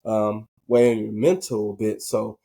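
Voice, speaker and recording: Low-voiced male podcast host. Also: level tone, unhurried, gravelly, dark tone. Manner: rambling, asks questions with restarts. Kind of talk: casual interview talk. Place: bedroom at home.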